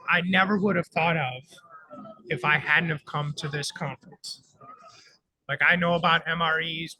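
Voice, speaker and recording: Broadcasting live from a conference floor, a male co-host keeps the radio chat casual, chatty and upbeat. He has a somewhat high voice, captured in a low-quality recording.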